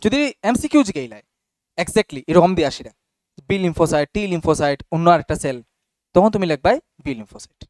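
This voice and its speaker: A man's voice: on the high side, lively intonation, quick pace, no echo, clean studio sound. A young man teaching a class casually and often checking whether students follow. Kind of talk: classroom biology lesson.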